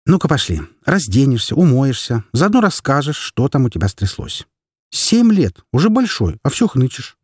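A man's voice: medium pitch, very animated, normal speed, breathy edge, no room sound, studio quality, voice pushed up. A man voicing an exasperated mother in her thirties who scolds her son and complains about her husband, in an audiobook. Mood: scolding. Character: harried Soviet-era mother, woman in her thirties.

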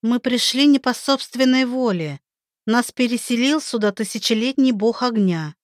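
A woman voices a young heroine who urgently and defiantly pleads for her beloved, pitching her voice above her own yet keeping it close to everyday speech. The fairly high voice is animated and moderately paced, recorded in studio quality with no room sound.

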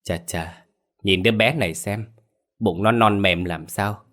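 A man's voice: fairly low pitch, a little slow, fairly bright tone. A man voicing the vicious Ma Lai ghost. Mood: menacing. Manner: pleading then menacing and mocking. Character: cunning vicious female ghost, head detaches.

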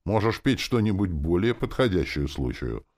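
A man voicing a sharp-tongued, proud female demon in an audiobook, snappish and grumbling. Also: sits low, very animated, moderate pace, voice pushed up. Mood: prickly. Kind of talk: audiobook character voice.

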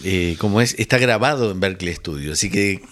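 A man's voice: deep voice, lively intonation, brisk, fairly bright tone. A man hosting a radio music show, chatting casually and thinking aloud with many fillers. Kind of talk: casual radio chat presenting songs.

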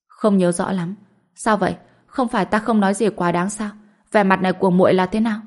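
A woman's voice: mid-range voice, steady tone, brisk, darkish tone, natural voice. Woman reading a flustered young husband. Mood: worried. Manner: puzzled, pressing questions. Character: young man, easygoing but flustered husband. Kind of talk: audiobook character voice.

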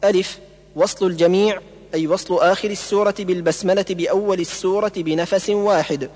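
A man reads through the rules of recitation, listing each point in a steady, measured way. His voice is pitched quite high. The recording carries a long reverb tail. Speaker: Quran recitation teacher. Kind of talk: read-aloud lesson on recitation rules.

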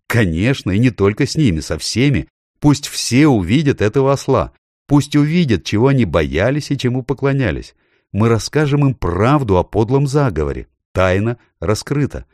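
A man's voice: lowish voice, sing-song, normal speed, no room sound, clean studio sound, pitched above the performer's own voice. A man voicing a stern, commanding young king. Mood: rousing. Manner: forceful and regal.

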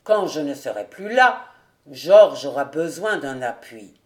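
A woman voicing a fawning male cousin who exclaims with theatrical flattery in an audiobook. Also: low-pitched, a little slow, pitched below the performer's own voice. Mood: declaiming.

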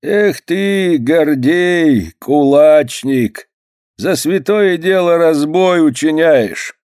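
A man voicing a stern, plain-spoken old fisherman with gruff, folksy speech. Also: medium pitch, sing-song, unhurried, mellow, no room sound, studio quality, voice pushed up. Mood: reproachful.

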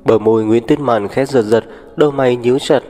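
A man narrating an audiobook in a steady, even storytelling manner. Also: medium pitch, fairly quick. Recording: long reverb with background music.

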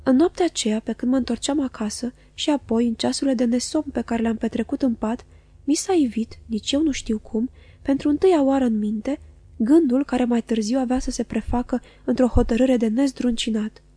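Warm-voiced woman reading an audiobook. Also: a little high, slightly rough, no echo. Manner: measured, expressive reading. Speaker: audiobook narrator. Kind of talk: scripted audiobook narration.

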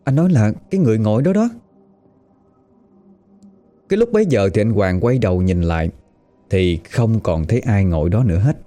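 A man with a Southern Vietnamese accent telling a story in a lively, conversational way. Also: fairly low pitch. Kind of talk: spoken storytelling.

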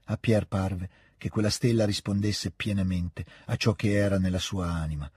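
Husky-voiced man reading a classic novel. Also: low-pitched, dry recording, studio quality. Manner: calm, measured literary reading. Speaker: audiobook reader.

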